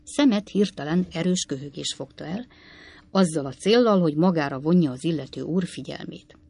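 A woman narrating a classic novel as an audiobook in a measured, expressive storytelling manner, with a husky voice. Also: sits low.

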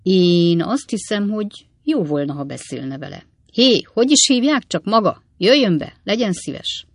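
A reader voicing a brisk, coaxing middle-aged lawyer. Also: medium pitch, very animated, no room sound, clean studio sound.

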